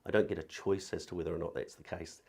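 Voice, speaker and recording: A man's voice: deep voice, fairly even intonation, fast talker, vocal fry, mellow, breathy edge. A man with a New Zealand accent, a religious education director giving an earnest, thoughtful talk to camera, with occasional fillers and repeated words.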